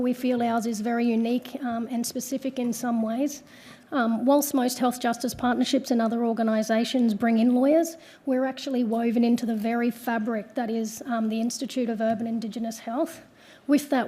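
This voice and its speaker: A woman speaking as a lawyer in a prepared presentation, her voice hoarse from flu, with hesitant phrasing. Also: fairly high pitch, fairly even intonation, normal speed, warm tone.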